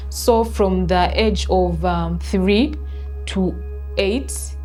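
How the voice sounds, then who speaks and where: A woman from a community speaking slowly and haltingly in a documentary interview. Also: medium pitch, darkish tone, soft background music.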